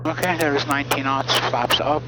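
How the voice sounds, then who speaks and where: A man's voice: mid-range voice, fairly even intonation, fairly quick. A man piloting a small plane, talking methodically over cockpit audio as in air traffic control radio calls and flight explanations. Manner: methodical, instructive. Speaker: pilot and vlogger. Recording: cockpit audio with loud background sound.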